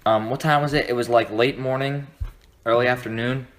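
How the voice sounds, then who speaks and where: A man's voice: medium pitch, fairly even intonation, fairly quick. A man co-hosting a podcast, chatting loosely about basketball with plenty of fillers. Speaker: podcast co-host. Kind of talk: casual sports chat.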